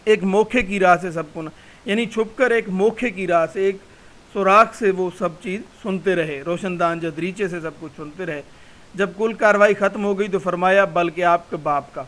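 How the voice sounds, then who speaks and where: A man's voice: high-pitched, a bit bright, rough recording. A man, a college lecturer, reading a passage aloud in a recorded class and explaining it word by word.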